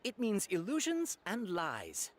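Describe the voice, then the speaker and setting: Young male fortune teller, hesitant, stalling, animated pitch. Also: takes it slowly, a crowd in the background, full character voice. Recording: game audio with clear music behind.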